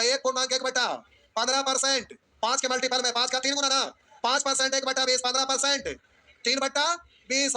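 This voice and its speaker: High, bright-voiced math teacher drilling a class. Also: male voice. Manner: drills the class in call-and-response, scolds and jokes with students. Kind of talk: classroom lecture.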